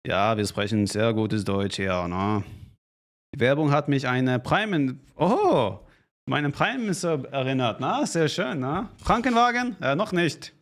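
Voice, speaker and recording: A man chatting on a live gaming stream, speaking slowly and deliberately at a middling pitch. His speech is halting and he often corrects himself mid-sentence. He jokes with viewers and thanks subscribers. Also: expressive. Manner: halting learner's German with self-corrections. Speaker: streamer and pro strategy game player.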